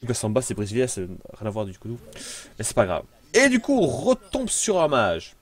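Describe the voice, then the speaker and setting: A gameplay commentator with a French accent playfully talks through his own card game as he plays, thinking out loud in a casual way. His mid-range voice moves at a moderate pace and swings wildly in pitch.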